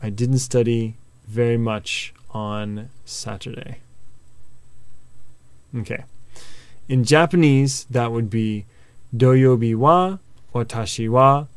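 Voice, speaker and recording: A male language teacher talks slowly in a smooth, resonant voice, patiently walking through examples and memory tricks. He often pauses on filler sounds as he explains, and the recording is dry and close. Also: mid-range voice, steady tone, no echo. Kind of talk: explanatory video lesson.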